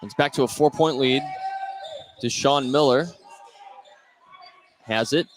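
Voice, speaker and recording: On the radio, a man calls live play-by-play for a basketball game in an indoor school gym. His voice is medium-pitched and slow. The courtside broadcast is noisy, with gym sounds clearly audible behind him.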